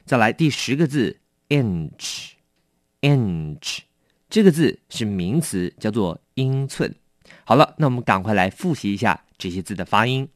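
A man with a Taiwanese Mandarin accent teaching English vocabulary, explaining patiently and repeating each word slowly. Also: fairly low pitch, lively intonation, no room sound, clean studio sound. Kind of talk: vocabulary lesson.

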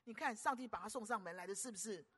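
An older woman preacher, giving an animated, teasing sermon full of rhetorical questions. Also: mid-range voice, fast, slightly rough.

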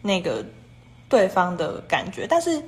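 On a casual livestream, a woman chats with viewers about their comments, rambling and repeating herself in long runs joined by "and then." Her mid-range voice swoops wildly in pitch while her pace stays measured.

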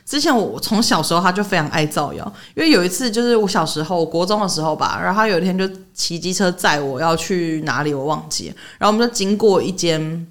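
Lively fast-talking woman co-host. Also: on the low side. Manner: animated storytelling, laughing often. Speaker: podcast co-host. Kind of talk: casual chat.

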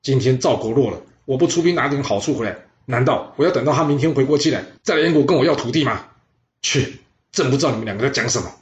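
A man voicing an arrogant, hot-tempered ancient king who shouts and scorns his advisers. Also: medium pitch, expressive, fast talker, close to an everyday voice. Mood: scornful. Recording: roomy, slightly dull audio.

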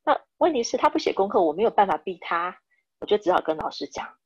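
A woman's voice: medium pitch, very animated, quick pace, a little mellow, husky. A middle-aged woman from Taiwan, a podcast guest telling family stories who acts out the dialogue and drops English words into her speech. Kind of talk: storytelling in a podcast interview. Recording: dull lo-fi recording.

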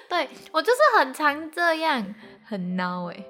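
A young woman with a Taiwanese Mandarin accent co-hosting a podcast in casual chat, self-mocking and quick to laugh. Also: sits high, wildly swooping pitch, fairly bright tone, faint music behind. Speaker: podcast co-host.

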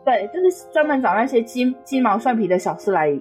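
A young woman co-hosting a podcast, telling workplace stories in an exasperated, animated casual chat. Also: on the high side, a little fast, soft background music. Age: young adult. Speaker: podcast co-host.

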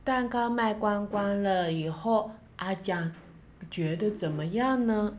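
A woman language teacher hosting a show, gently translating and retelling a children's story for learners. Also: mid-range voice, extremely slow, slight background noise. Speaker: Japanese teacher and show host.

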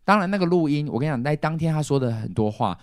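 Speaking at a quick pace in a slightly high voice, this podcast host gets animated as he casually relates a family story, performing his relatives' quoted words. The recording is dry and studio-clean.

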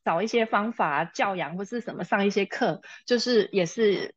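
A woman's voice: mid-range voice, moderate pace, husky, muffled recording. A woman, a mother and interview guest, telling a personal story and often laughing. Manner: laughs often, quotes herself and her child.

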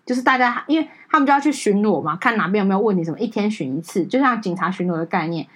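Fast-talking husky Taiwanese woman. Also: medium pitch. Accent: Taiwanese Mandarin. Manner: animated, emotional storytelling with many fillers. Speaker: podcast co-host. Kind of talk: casual storytelling chat.

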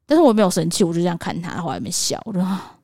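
A mother tells an animated, vivid story in casual podcast chat. Her fairly low, mellow voice swings widely in pitch as she rushes along. The recording is dry and close. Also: dry recording. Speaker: podcast co-host; mother of a toddler.

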